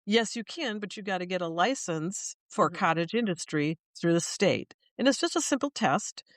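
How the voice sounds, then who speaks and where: A woman's voice: lowish voice, animated, moderate pace, dry recording, studio quality. A middle-aged woman who owns a small business, chatting in an interview and explaining things with examples and frequent restarts. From Minnesota. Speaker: small business owner, guest. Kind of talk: casual interview talk.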